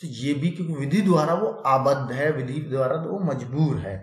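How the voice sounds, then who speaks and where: A man's voice: medium pitch, moderate pace, echoey room. A man teaching an exam-prep lecture in a chatty classroom style, often checking in with his students. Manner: chatty, repeats "ठीक है" often.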